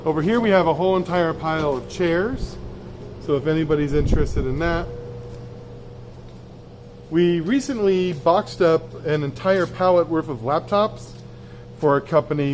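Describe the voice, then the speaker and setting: A man's voice: on the high side, normal speed, background noise. A plain-spoken man giving a casual, off-the-cuff sales tour of stock while walking through a warehouse. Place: indoors in a cluttered warehouse, walking.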